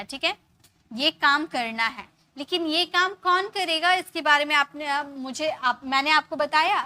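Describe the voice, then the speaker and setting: A young Indian woman teaching a live spoken-English class, explaining in Hindi and slowly spelling out English example sentences. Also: high-pitched, sharp tone.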